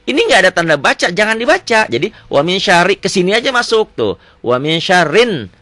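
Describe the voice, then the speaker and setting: A man teaching Quran recitation, quizzing a student with quick questions, repeating answers and reciting verses slowly. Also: high voice, very animated, pushed and bright, no room sound. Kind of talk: Quran reading lesson with a child.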